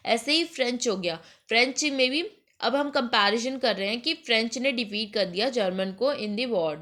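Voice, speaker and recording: A woman teaching an exam-prep grammar lesson, explaining in Hindi mixed with English and reading example sentences slowly. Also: on the high side, fairly bright tone.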